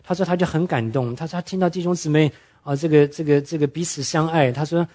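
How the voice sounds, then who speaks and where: A man preaching a sermon, telling stories earnestly and slowing down to stress his main points. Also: a little high, darkish tone. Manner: earnest storytelling preacher, drops English words into speech; slows down and drops his voice to stress key points. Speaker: pastor.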